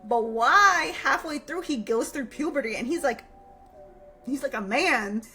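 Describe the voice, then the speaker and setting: A woman co-hosting a podcast, chatting casually with a high, bright, forceful voice. She laughs often and acts out characters' lines in a lively way. Faint music plays behind her. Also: a little slow. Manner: animated, acts out characters' lines while recounting. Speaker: podcast co-host. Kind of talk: casual chat.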